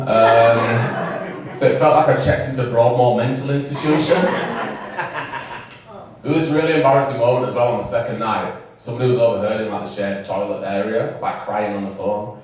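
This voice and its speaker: A man's voice: on the low side, darkish tone. A young man doing a stand-up set, chatting and teasing the audience between jokes, with laughter from the crowd. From England. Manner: chatty, rambling, swears, teases the audience. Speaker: stand-up comedian. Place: small comedy venue with a live audience. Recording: echoey room, mic picked up from a distance.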